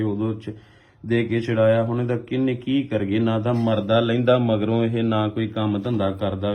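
An exasperated man rants down a phone line, his voice sitting at an ordinary middle pitch. He complains and rambles, playing a fed-up father on a prank call. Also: a little mellow.

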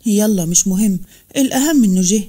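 A woman's voice: medium pitch, lively intonation, fast talker, mellow, close to an everyday voice. Woman reading a bitter, greedy older woman. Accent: Egyptian Arabic. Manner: blunt and scornful.

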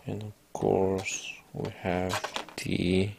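A man hosting his own channel narrates a pack opening casually, reading each card out and chatting with viewers in a relaxed manner. His gravelly voice sits low and moves very slowly, over a noisy background.

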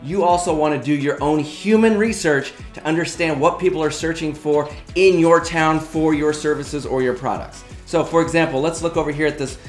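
A man's voice: a little high, normal speed, few pauses. A man giving a step-by-step tutorial to camera, speaking in an upbeat, direct way. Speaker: marketing instructor. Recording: echoey room with faint music.

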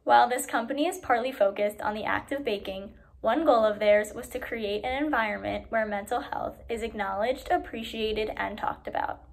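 A teenage girl with a slightly high voice reads school news narration. Her delivery is steady and clear. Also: normal speed, hardly any pauses. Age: teens. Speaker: student reporter.

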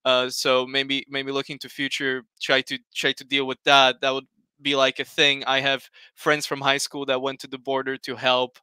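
A man's voice: mid-range voice, completely flat delivery, normal speed, bright, forceful tone, clear, resonant tone, no room sound. A young man from Slovakia, a native Slovak speaker, speaking earnestly on a headset in a casual online panel, hesitant with many fillers and restarts. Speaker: panel guest. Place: home room.

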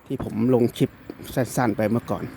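A man's voice: fairly quick, noisy background. A young man from northeastern Thailand with an Isan accent, narrating a casual, rambling travel vlog outdoors into his phone. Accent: Isan Thai. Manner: rambling, self-correcting, chatty. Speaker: vlogger. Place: outdoors and driving around the countryside. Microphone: phone held by the speaker.

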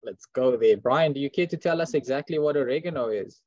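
A man hosts a casual online call, pausing often with ums as he moves things along. The sound is dry and close, with dull, lo-fi call audio. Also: medium pitch, darkish tone, no echo. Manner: hesitant, many ums. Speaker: call host.

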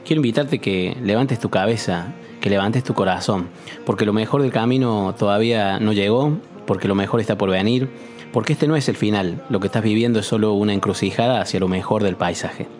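Low-voiced Argentine radio host. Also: male voice, brisk, soft background music. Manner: warm direct address to the listener, encouraging.

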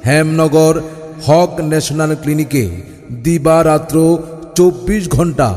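A man chanting a clinic advertisement in a repetitive sing-song delivery, broadcast over an outdoor loudspeaker. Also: fairly high pitch, fairly even intonation, unhurried. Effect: outdoor loudspeaker announcement. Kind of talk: chanted promotional announcement. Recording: long reverb with music behind.

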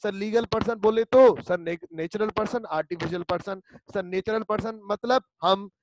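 A man's voice: high-pitched, moderate pace, a little hiss or hum, rough recording. A male law teacher, giving an online class lecture and drilling students by repeating key terms. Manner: repetitive, drilling students with call-and-response.

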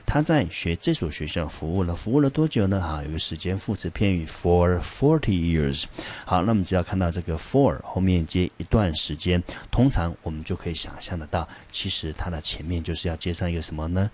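Husky deep-voiced male English teacher. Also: expressive, brisk, a little mellow. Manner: patient, asks the class rhetorical questions; mixes English example sentences into Mandarin explanation. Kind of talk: classroom vocabulary lesson.

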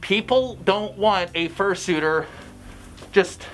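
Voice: mid-range voice, slow pace, slight background noise. A fursuiter giving blunt, chatty advice in a casual vlog, speaking through a costume head. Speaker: fursuiter vlogger.

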